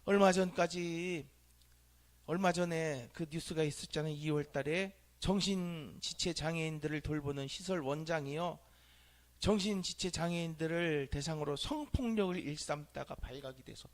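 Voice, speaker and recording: A man preaching a sermon as pastor, asking the congregation questions and swinging from hushed near-whispers to loud exclamations. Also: a little high, moderate pace. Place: church sanctuary.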